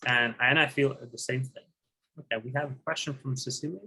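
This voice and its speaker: Man, husky voice, relaxed, online panel presenter. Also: mid-range voice, fairly quick, rough recording. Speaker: session presenter.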